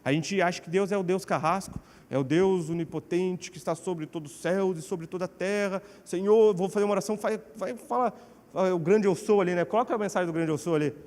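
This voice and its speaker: A man with a Brazilian Portuguese accent preaching a sermon in a church, animated and acting out quotes. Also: quick pace. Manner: animated, acts out quotes with shifting pitch. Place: church hall. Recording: church hall with long reverb.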